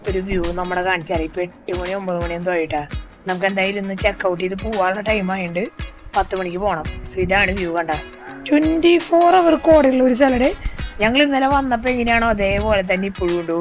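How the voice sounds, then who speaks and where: A woman talks over clearly audible music in a casual travel-vlog style. Her pitch sits in the middle for a woman. She speaks colloquially, drops English words into her sentences and breaks into exclamations. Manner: mixes English words into Malayalam. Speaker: travel vlogger. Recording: loud background music.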